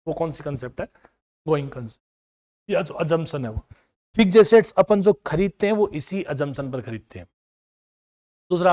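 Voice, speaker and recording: Man coaxing a class of students. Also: fairly high pitch. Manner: coaxing students to recall answers; everyday household examples, mixing in English terms. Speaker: accounting teacher. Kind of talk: classroom lecture.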